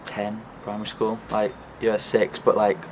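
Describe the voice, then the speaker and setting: Young man, halting speech, street noise. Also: fairly low pitch, completely flat delivery, low-quality recording. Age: young adult. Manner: hesitant, many fillers like "like". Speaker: passer-by interviewee. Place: outdoors by a building.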